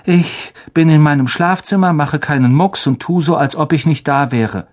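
Resigned boy reciting flat and toneless, narrator voicing him a bit higher. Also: a little fast, close to an everyday voice. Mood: deadpan. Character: young boy, resigned and deadpan.

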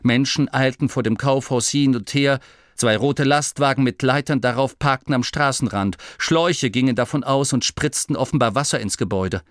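A man narrating an audiobook in a measured, expressive way. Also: medium pitch, no room sound, clean studio sound. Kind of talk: scripted narration.

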